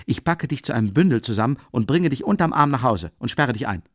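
A man's voice: mid-range voice, expressive, fast, no echo, studio quality, pitched above the performer's own voice, natural voice. A man playing a furious hot-headed young friend. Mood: angry shouting. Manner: shouting, scolding, demanding.

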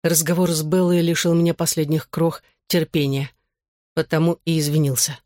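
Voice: medium pitch, little pitch movement, normal speed, darkish tone, no echo. Audiobook narrator, first-person, curt and cold; dry studio read. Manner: curt, cold, clipped delivery.

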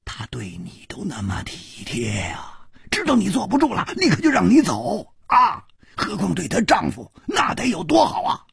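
A man voicing a boisterous, hot-headed swordsman who talks loudly and exclaims often. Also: high-pitched, moderate pace, gravelly, husky, no room sound, clean studio sound, pitched above the performer's own voice, exaggerated voice. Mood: excited. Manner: loud, exclaiming, animated.

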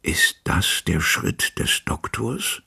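A man voicing an anxious old male servant in a storybook reading, talking in a hushed, half-whispered, pleading way with a husky, gravelly voice. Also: deep voice, wildly swooping pitch, takes it slowly, full character voice. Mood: fearful hushed.

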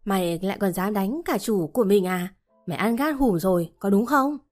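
A woman's voice: mid-range voice, expressive, moderate pace, a little mellow, soft background music, lightly acted. A woman voicing an abusive middle-aged man who blusters and threatens a young maid. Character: bullying middle-aged man, the mistress's partner.

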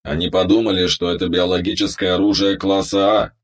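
Cheerful male robot cook, put on by a male reader: deep, raspy voice, storybook delivery. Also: steady tone, a little fast. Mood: proud. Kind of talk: audiobook character voice.

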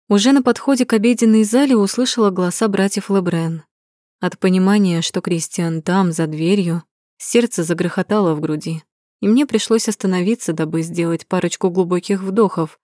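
A woman's voice: on the low side, dark tone, no room sound. A woman narrating a romance novel in the first person, reading expressively and dramatically on a close mic. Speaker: audiobook narrator.

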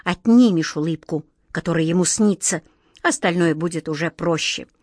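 A woman's voice: on the low side, normal speed, darkish tone, no room sound, clean studio sound, lightly acted. A woman voicing a spiteful, scheming male king in a storybook reading, hissing and commanding. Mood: conspiring.

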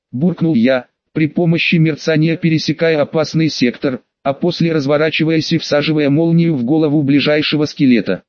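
A man reads an audiobook in a wry, ironic first-person manner. His voice sits a little high for a man. The recording is dry and slightly muffled, as if lo-fi. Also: a little mellow, dry recording. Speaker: audiobook narrator. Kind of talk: scripted narration.

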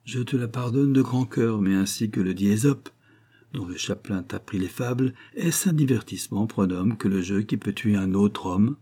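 A man's voice: on the low side, moderate pace, dark tone, breathy edge. A man voicing a kindly old forester, a father who is mock-severe at first, then fond and proud. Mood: gently scolding.

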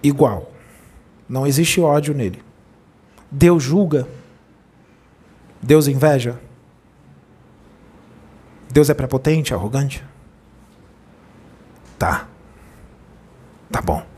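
A man's voice: mid-range voice, lively intonation, very slow, pauses often, dark tone, husky. A man speaking as a spiritual medium, giving a channeled sermon in an admonishing tone and asking many rhetorical questions.

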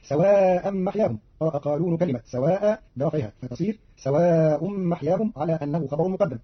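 A male radio announcer reads a formal scripted explanation at a rapid clip, his voice slightly raised in pitch and husky. It comes through a dull, lo-fi archival radio recording. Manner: brisk, even, formal reading. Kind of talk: scripted explanation of recitation variants.

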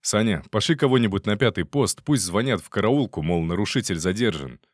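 A man voicing a brisk soldier giving clipped commands. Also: fairly low pitch, lively intonation, dry recording, studio quality. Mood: commanding. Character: brisk male army soldier in charge.

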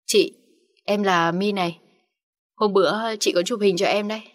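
A woman voicing a sweet, cheerful young girl who chats warmly in an audiobook story. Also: medium pitch, fairly even intonation, moderate pace, lightly acted. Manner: sweet, chatty.

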